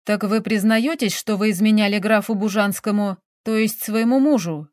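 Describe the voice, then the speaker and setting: A woman's voice: medium pitch, normal speed, no room sound, close to an everyday voice. Woman doing a stern sarcastic male investigator. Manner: dry monotone, lecturing.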